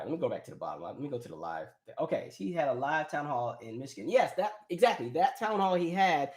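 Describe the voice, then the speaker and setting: An American man hosts a casual live chat, reading out viewer comments and answering them in an opinionated, colloquial way as he thinks aloud. His voice is a little high and darkish in tone, and the stream picks up an echoey room.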